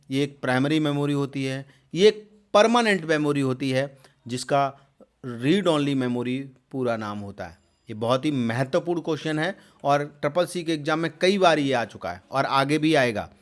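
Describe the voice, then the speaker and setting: A man's voice: a little high, moderate pace, clear, resonant tone. Man tutoring with a rising question voice. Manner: repeats terms and fills with "jo hai" and hesitations; lifts voice loudly on each new question. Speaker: computer exam tutor. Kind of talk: explaining quiz answers in a lesson.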